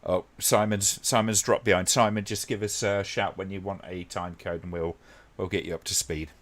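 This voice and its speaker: The host here is a man whose voice is deep and low, casually chatting through a watch-along stream. Relaxed and rambling, he greets chat members by name and fills his many pauses with ums and uhs.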